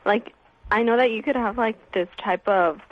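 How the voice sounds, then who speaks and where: A woman's voice: a little high, moderate pace. A twenty-year-old woman calling into a radio show, talking hesitantly and rambling with lots of fillers. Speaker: caller. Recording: muffled phone-in line.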